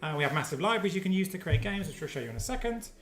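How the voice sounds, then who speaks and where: A man runs a casual livestream product demo, chatty and quick to joke. His voice sits fairly high. The room around him rings with a noticeable echo. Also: lively intonation. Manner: joking, chatty, upbeat. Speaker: company presenter on a livestream. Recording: roomy echo.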